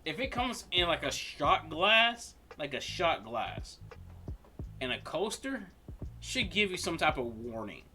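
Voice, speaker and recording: Rambling man with a very bright voice. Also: a little high, sing-song, slow pace, slight background noise. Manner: rambling, self-correcting. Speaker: reaction video host. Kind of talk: casual reaction commentary.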